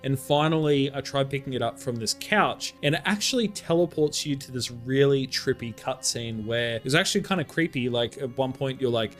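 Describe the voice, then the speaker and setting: Excitable man co-hosting a gaming chat. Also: medium pitch, faint music behind. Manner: excitable, laughs often, quick and rambling. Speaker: co-host.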